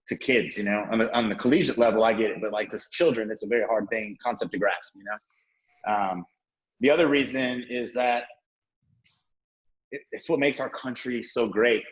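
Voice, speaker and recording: On a discussion panel, a Southern US man in his thirties talks casually as a guest, rambling with restarts and fillers. His voice is mid-range and a bit bright. The recording quality is low.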